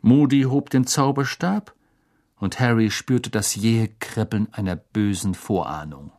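A man reading an audiobook as narrator, measured and expressive storytelling. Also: on the low side. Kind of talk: scripted narration.

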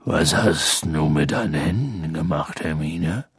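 A man voicing a big, gruff but kind-hearted male giant gamekeeper with a gravelly, husky, rough voice. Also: a bass voice, a little slow, dry recording, studio quality, voice pushed down, full character voice. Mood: gruff comforting. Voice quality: gravelly, husky, rough dialect-tinged speech.

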